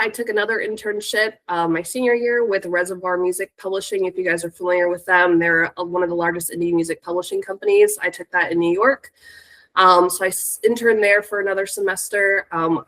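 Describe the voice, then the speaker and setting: On a rough recording, a woman with a fairly low, fairly bright voice talks casually about herself as a guest speaker. She's an American from Northern California in her thirties who works in music, and a cold has made her sound congested.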